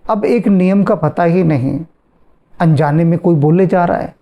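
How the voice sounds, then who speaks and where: A man giving a slow, deliberate devotional talk as a spiritual teacher, answering a question and repeating phrases for emphasis. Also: a little high, dull audio.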